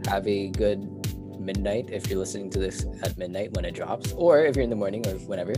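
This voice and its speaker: A man's voice: on the low side, fairly quick, music in the background. A young man co-hosting a casual podcast, rambling and filling his talk with "like". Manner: rambling, heavy use of "like" fillers. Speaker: podcast co-host.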